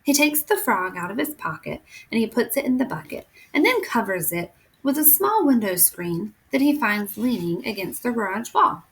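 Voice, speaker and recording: A woman reading a children's chapter book aloud in an expressive, unhurried way. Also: a little high, low-quality recording. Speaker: reader.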